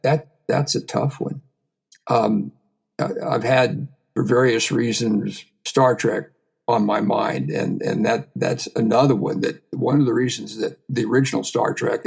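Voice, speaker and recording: A man being interviewed as an astrophysicist, answering in a thoughtful, halting way with many restarts. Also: medium pitch, creaky, a little mellow. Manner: hesitant, with frequent restarts and repeated words. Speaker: guest, astrophysicist.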